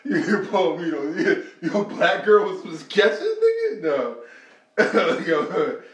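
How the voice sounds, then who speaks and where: A man's voice: high-pitched, very animated, measured pace, distant mic. Guy cracking up in casual chat, voice jumps all over, sits back from the mic in a roomy space. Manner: boisterous, laughing banter. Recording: echoey room, off-mic, faint noise.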